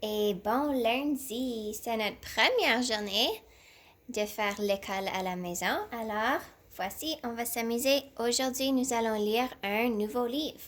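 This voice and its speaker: A woman teacher leads a reading lesson for young children from home. She talks at a very unhurried pace, stretching out each syllable with care, in a somewhat high voice. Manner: slow and deliberate, sounding out syllables.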